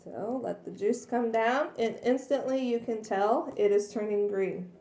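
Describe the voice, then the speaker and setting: A woman demonstrating cleaning cloths in a casual, earnest way, a little hoarse from losing her voice. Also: fairly high pitch, measured pace, mellow, slight background noise. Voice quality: frequent throat clearing and coughs. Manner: chatty, earnest, many fillers. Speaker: product demonstrator. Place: kitchen at home. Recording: echoey room.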